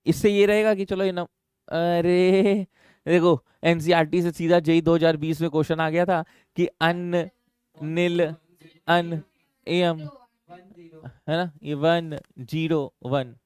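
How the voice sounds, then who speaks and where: Chemistry teacher guy in class, crisp slightly high voice, teasing students, hindi english mix. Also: steady tone, slow, a little mellow, no echo. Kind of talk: classroom lecture.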